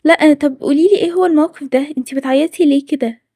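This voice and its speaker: A woman with an Egyptian accent voicing a brisk, friendly girl who hosts her friend, in a cartoon story. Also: sits high, dark tone, dry recording, studio quality. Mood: concerned. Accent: Egyptian Arabic. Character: cheerful girl friend Tara, host of the visit.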